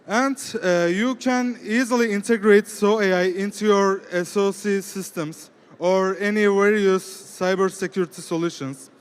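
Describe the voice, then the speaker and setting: A male presenter with a Turkish accent gives a business pitch. His voice is high and smooth, and he speaks in short statements broken up by rhetorical questions. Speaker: team lead presenting.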